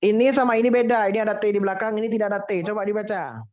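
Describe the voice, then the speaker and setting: A man's voice: sits high, racing. Man, English pronunciation teacher, playful and teasing, exclaims at mistakes, muffled online call audio. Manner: playful, exclaiming, drills students. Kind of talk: teasing casual class instruction.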